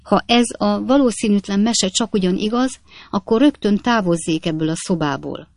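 Man voicing a shrill, frightened middle-aged lady. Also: lively intonation, dry recording, clean studio sound. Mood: stern. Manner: high, shrill, alarmed.

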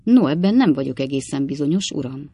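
Male narrator doing a cheeky storybook manservant, raised livelier voice, gravelly, showman patter. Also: a little high, lively intonation, dark tone, dry recording, studio quality. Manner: cheeky, showman-like, full of sayings.

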